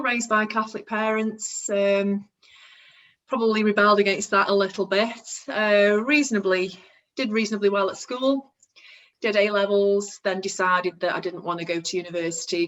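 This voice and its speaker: A woman's voice: mid-range voice, fairly bright tone, rough recording. Female podcast guest, Stoke accent, mid-range voice, conversational and informal interview delivery. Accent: Stoke-on-Trent, English. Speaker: podcast guest, construction business owner.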